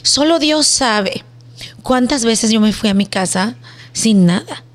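Lively Mexican woman telling her story. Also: fairly high pitch, slow. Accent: Mexican Spanish. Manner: animated, acts out voices in her stories. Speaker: guest, business owner. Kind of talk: casual storytelling interview.

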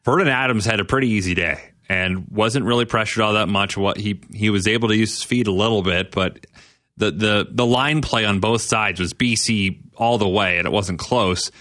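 Lower-voiced male sports radio host. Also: normal speed, a bit bright, no echo, studio quality.

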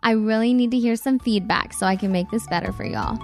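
A woman's voice: a little high, fairly quick, darkish tone, soft background music. A woman hosting a podcast in a casual, eager and chatty way. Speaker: podcast host.

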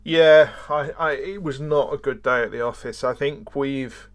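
A man joins a football podcast over a remote line, his voice at a middling pitch. He analyses the match thoughtfully, hesitating and restarting his sentences as he works things through. His jokes land deadpan. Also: measured pace. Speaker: podcast co-host. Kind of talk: casual football analysis chat. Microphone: remote call.

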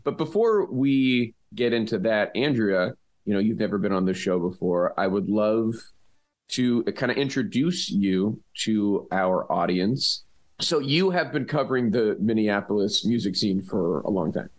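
Guy hosting a podcast, low sleepy voice w vocal fry, casual banter. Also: expressive, measured pace. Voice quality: vocal fry, just-woken-up voice. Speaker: podcast host.

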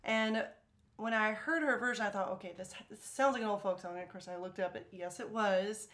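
A woman's voice: mid-range voice, a little fast. American woman chatting casually. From United States. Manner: animated, breaks into sung syllables to illustrate. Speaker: music discussion panelist. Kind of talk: casual chat about folk music.

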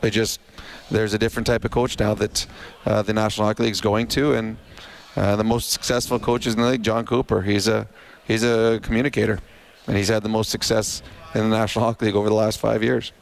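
A man's voice: on the low side, level tone, quick pace, gravelly. A male radio host answering callers in a firm, emphatic way. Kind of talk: call-in radio.

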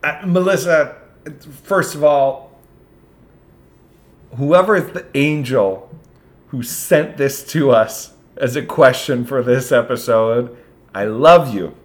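A man's voice: medium pitch, takes it slowly, pauses often. A man co-hosting a podcast in casual chat, playful and laughing often, with lots of ums and restarts. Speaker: podcast co-host.

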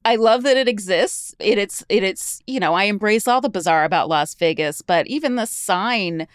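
A woman co-hosting a quiz podcast, competitive and animated, exclaiming as she plays. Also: medium pitch, normal speed, clean tone, no echo, studio quality. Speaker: co-host, quiz contestant.

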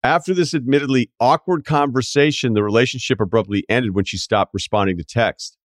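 A man's voice: medium pitch, brisk, no echo, clean studio sound. A man hosting a podcast, chatting casually and reading listener mail aloud. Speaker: podcast host. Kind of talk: casual chat.

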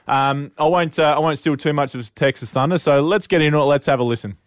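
A man's voice: a little high, fast, dry recording, studio quality. An Australian man co-hosting a casual radio show. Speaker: radio show co-host, former player.

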